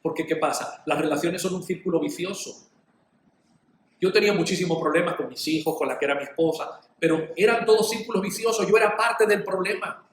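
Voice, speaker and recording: A middle-aged male pastor preaches in a lively, conversational way, slipping into short acted exchanges to make his point. His voice sits a little high for a man. The sound rings in an echoey room over a faint hum of ambience. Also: fairly quick. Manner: animated, acts out little dialogues. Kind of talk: sermon.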